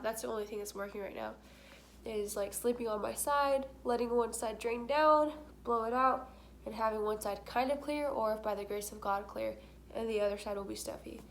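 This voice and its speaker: A woman's voice: fairly high pitch, steady tone, a little fast, slight background noise. Stuffy-nosed young woman vlogging, chatty. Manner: chatty, candid, many fillers, stuffy-nosed. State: congested nose, short of breath. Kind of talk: casual talk to camera.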